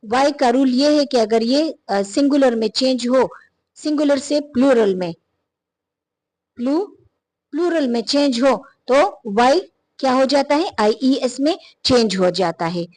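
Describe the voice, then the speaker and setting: A woman's voice: sits high, animated, measured pace, darkish tone. A woman teaching an English phonology lesson, patiently repeating and spelling out words letter by letter.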